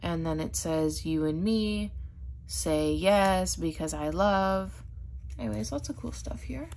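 Chatty woman with a low voice and the hiccups. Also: slow pace, darkish tone. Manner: chatty, says "like" often, gushing over items. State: has the hiccups. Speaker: haul vlogger. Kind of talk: casual unboxing chat.

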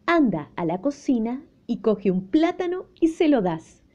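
A woman's voice: fairly high pitch, sing-song, measured pace, dull audio. A woman voicing a caring but strict mother of a young boy in a children's story, talking firmly. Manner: firm, scolding, warm.

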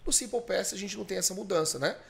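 Hosting a podcast, a man with a Brazilian Portuguese accent teaches English grammar in a bilingual lesson, patiently explaining and running repetition drills. He talks fast in a high, fairly bright voice with vocal fry.

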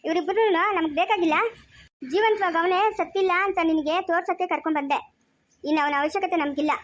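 A woman's voice: very high voice, fast. A woman voicing an angry grown son who speaks harshly and defiantly. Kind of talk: amateur family drama acting.

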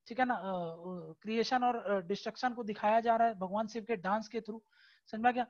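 A male exam-prep teacher with a very high voice gives an online lecture over a screen recording, captured in lo-fi audio. He hesitates often with fillers, explains things repetitively, and keeps checking understanding with tag questions.

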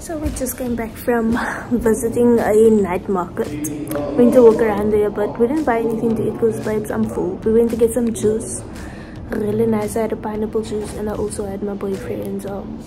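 A woman's voice: on the high side, little pitch movement, normal speed, music in the background, low-quality recording. A young South African woman chatting casually to her viewers in a travel vlog, calling them babes and dropping in Afrikaans words. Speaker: travel vlogger.

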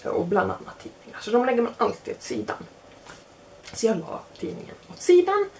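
Lively young woman telling a funny anecdote. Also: on the high side, slight background noise. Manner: animated, self-mocking, acts out quotes. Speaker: storyteller. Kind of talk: casual spoken anecdote.

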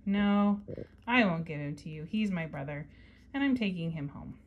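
A woman's voice: on the low side, lively intonation, normal speed, narrow, tinny audio, slight background noise, close to an everyday voice. A woman reading as a determined little girl. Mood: firm. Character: brave little girl determined to bring her brother home.

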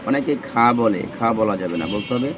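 A man teaching Arabic letter pronunciation in a slow lesson, saying each letter sound and repeating it for practice. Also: fairly low pitch, expressive, noisy background.

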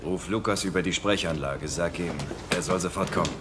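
A man acts a cold, commanding killer in a television crime drama. His voice is low and his orders are curt and menacing, over a very noisy soundtrack. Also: brisk, lightly acted. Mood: cold, controlled.

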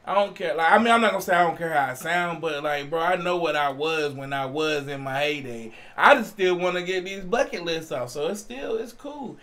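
A man's voice: a little high, a little fast, few pauses, fairly bright tone. A man co-hosting a reaction show, talking in loose, profane, slangy banter. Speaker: co-host of a band reaction show. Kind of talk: casual chat.

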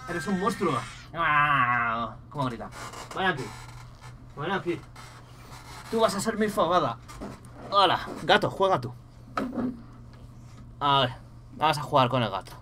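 A young man with a Spain Spanish accent, commentating a horror game live, muttering to himself and bursting into loud startled swearing. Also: on the high side, background noise. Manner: mutters quietly to himself between outbursts. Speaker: gaming streamer.

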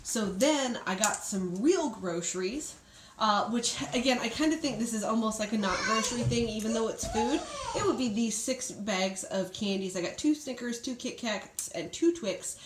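With a fairly high, expressive voice at normal speed, a woman in her thirties from Ohio cheerfully walks through her groceries and what they cost in a casual vlog. The handheld phone recording, made at home beside a table of groceries and a TV, sounds echoey and picks up background noise.

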